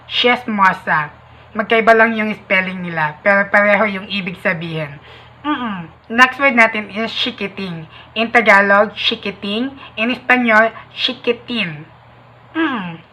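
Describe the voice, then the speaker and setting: A woman's voice: mid-range voice, bright, forceful tone. A woman with a Filipino accent chatting casually on her vlog, often repeating phrases and humming "mm-mm" between them. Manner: playful, repeats phrases with hummed "mm-mm" asides. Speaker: vlogger.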